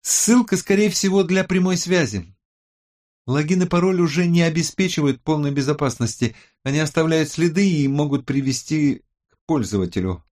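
A man voicing a sharp-tongued, touchy young woman hacker in an audiobook, raised high above his own voice. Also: animated, moderate pace, lightly acted. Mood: explaining. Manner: snappy, defensive. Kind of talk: audiobook character voice.

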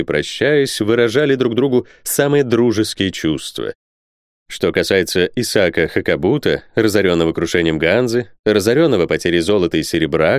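Guy reading a novel out loud, low voice, really lively pitch, dry close mic. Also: clear, resonant tone, no room sound. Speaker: audiobook reader. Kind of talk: scripted narration.

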